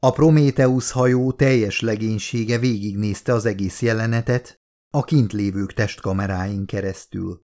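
A man, the author, reading his own audiobook in a steady, measured narrating voice. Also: lowish voice. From Hungary.

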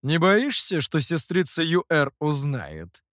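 A man voicing a calm, cunning male master and mentor in an audiobook, speaking in a dry, measured, wry way. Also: on the high side, no echo. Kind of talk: audiobook character voice.

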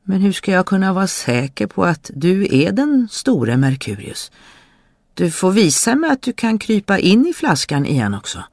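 A narrator voicing a quick-witted young schoolboy in a storybook reading, answering with cheeky retorts. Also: mid-range voice, wildly swooping pitch, a little mellow, dry recording, clean studio sound, voice pushed up. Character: clever young schoolboy woodcutter's son.

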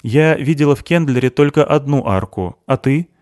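A man's voice: mid-range voice, lively intonation, normal speed, a little mellow, no echo, studio quality, voice pushed up, lightly acted. A man voicing a tense, secretive young woman with terse, grim replies. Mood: terse urgency.

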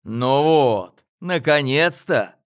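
A man voicing a shrewd, calm elder male telepath in an audiobook. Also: mid-range voice, extremely slow. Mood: measured, commanding. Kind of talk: audiobook character voice.

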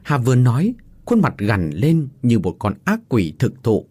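A man tells a horror story with dramatic, expressive delivery. His husky voice rises and falls in lively swings, recorded dry and close. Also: medium pitch, a little slow, dry recording. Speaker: narrator. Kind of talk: scripted horror story narration.

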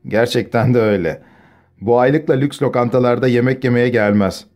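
A man voicing a fawning, mocking young man with a low, ingratiating voice in an audiobook. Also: fairly quick, a little mellow, lightly acted.

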